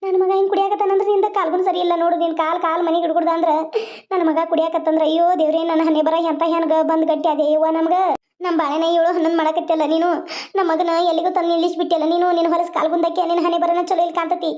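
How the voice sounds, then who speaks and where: A bitter, sharp-tongued mother-in-law from a village cartoon, as a woman puts her on, scolding and taunting in a very high, quick voice. She, and the recording is dull and lo-fi. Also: little pitch movement.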